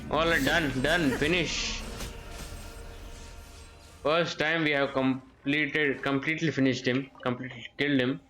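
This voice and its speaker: A man streams a game while chatting casually with his viewers, often repeating short phrases. His voice is a little high with a fairly bright tone.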